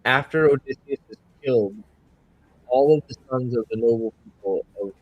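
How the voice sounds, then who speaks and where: A man's voice: medium pitch, normal speed, slightly rough. A man chatting casually as a stream host, rambling with stammered restarts, his voice muffled as if heard through a wall over an online call. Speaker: livestream host. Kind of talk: casual chat. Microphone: online call connection. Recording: muffled, distant-sounding voice.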